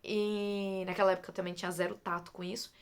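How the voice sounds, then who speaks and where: A young Brazilian woman chatting through a personal story at a quick clip. Her voice has a touch of gravelly fry, and she repeats words for emphasis and keeps calling out to her listeners. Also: medium pitch, flat delivery.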